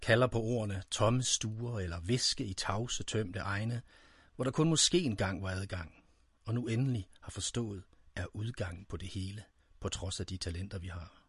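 A man reading dark, brooding spoken-word poetry, addressing a "you" directly. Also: on the low side, breathy edge, dry recording.

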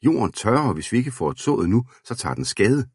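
Storybook young peasant man, urgent and pleading, read by a man, husky, dry sound. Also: medium pitch, very animated, darkish tone, no room sound, voice pushed up. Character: young male peasant farmer, eager and hot-headed.

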